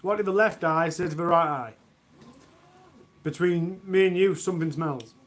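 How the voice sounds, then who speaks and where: A man's voice: fairly high pitch, normal speed. A man hosting a long charity livestream from home, reading out corny jokes and mocking them himself. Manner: self-mocking, groans at own jokes. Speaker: livestream host.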